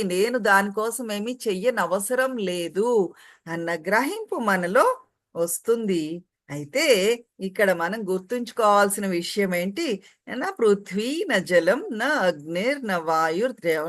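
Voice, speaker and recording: A woman giving a calm, explanatory spiritual talk, reciting Sanskrit verses and acting out everyday quotes. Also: medium pitch. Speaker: spiritual teacher translating commentary. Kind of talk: spiritual discourse.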